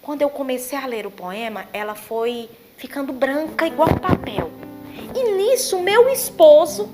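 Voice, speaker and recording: A woman's voice: high-pitched, expressive, normal speed, loud music behind the voice. A Brazilian woman missionary preaching a testimony, telling her story with emotion and acting out the prayers and dialogue she quotes. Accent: Brazilian Portuguese.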